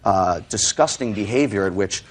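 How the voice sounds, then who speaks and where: A man's voice: lowish voice, lively intonation, normal speed. A man testifying as a litigant in a TV courtroom, indignant and self-justifying, with stiffly formal wording and hesitations.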